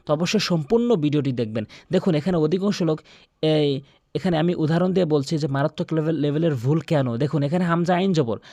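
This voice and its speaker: A man's voice: on the high side, darkish tone, no room sound, clean studio sound. A man teaching Quran recitation, explaining pronunciation rules step by step and repeating sounds for the listener to practice. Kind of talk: tutorial lesson with recitation examples.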